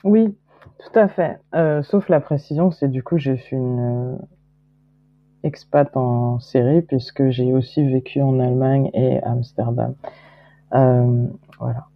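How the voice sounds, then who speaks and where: A woman's voice: extremely low pitch, steady tone, measured pace, dry recording. A woman in her forties from Guadeloupe, a podcast guest talking in a hesitant way, with many fillers and restarts. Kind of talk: casual interview chat. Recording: dull lo-fi dry sound.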